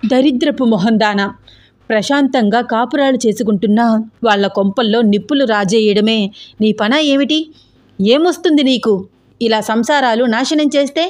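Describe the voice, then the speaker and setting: A woman voicing a furious middle-aged husband who shouts at his wife in a spoken story. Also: fairly high pitch, normal speed, close to an everyday voice. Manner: angry shouting.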